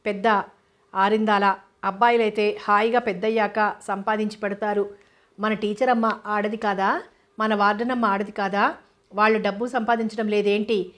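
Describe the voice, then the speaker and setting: A woman's voice: mid-range voice, flat delivery, moderate pace, close to an everyday voice. A woman voicing a feisty, defiant little orphan girl in a storybook reading, cheeky and combative.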